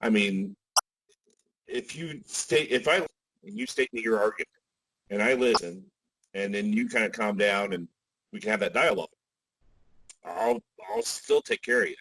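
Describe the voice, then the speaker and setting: A man in his forties talking as a podcast guest, relaxed, with frequent restarts and asides. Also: on the low side, moderate pace, pauses often, breathy edge, rough recording. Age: 40s. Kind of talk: casual podcast conversation.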